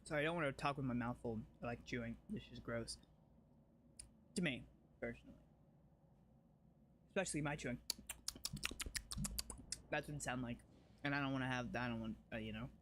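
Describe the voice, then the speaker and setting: A man's voice: mid-range voice, fairly quick, long pauses, a bit bright, a little hiss or hum. Chatty guy streaming a game. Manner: chatty, rambling, self-deprecating. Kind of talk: casual gameplay commentary.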